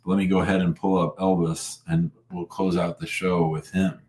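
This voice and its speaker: A man's voice: deep voice, flat delivery, normal speed, a little mellow. A man hosting a live call-in show in a casual, informal and blunt way, often restarting his sentences. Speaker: live show host and lawyer. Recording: roomy, echoing sound.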